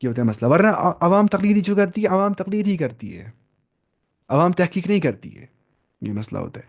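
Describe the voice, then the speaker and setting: A man's voice: fairly high pitch, darkish tone. A man, giving an informal classroom lecture on religious law, conversational and repeating key terms. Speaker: religious studies teacher.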